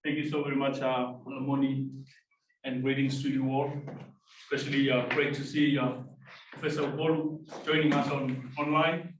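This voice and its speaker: A man's voice: medium pitch, flat delivery, moderate pace, roomy sound, distant mic, slight background noise, low-quality recording. A man from Tuvalu, a guest speaker, giving polite thanks and greetings to the audience.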